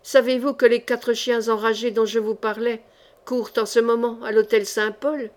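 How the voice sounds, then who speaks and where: A woman's voice: fairly high pitch, level tone, moderate pace, lightly acted. A woman reading the part of a frightened bohemian male painter who stammers and pleads breathlessly. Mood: pleading.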